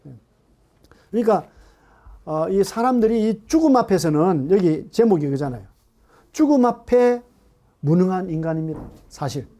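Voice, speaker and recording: A middle-aged man preaching a sermon to a congregation in an animated way, often asking them questions. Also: high-pitched, moderate pace, pauses often. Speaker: pastor. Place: church hall.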